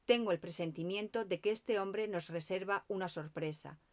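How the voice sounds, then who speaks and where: A woman's voice: mid-range voice, moderate pace, lightly acted. A woman reading a businesslike police inspector. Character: methodical police inspector, a man.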